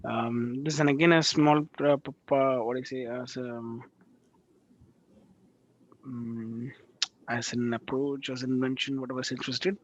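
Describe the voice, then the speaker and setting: A man teaching a live online class over a video call, talking in halting bursts with restarts and frequent check-ins with his students. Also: mid-range voice, fairly even intonation. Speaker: instructor. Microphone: video call microphone. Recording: dull lo-fi call audio.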